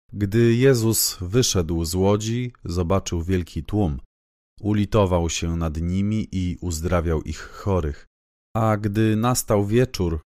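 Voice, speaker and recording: A man reading scripture aloud in a measured, even, solemn way. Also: low-pitched, no room sound, clean studio sound. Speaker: Bible reader.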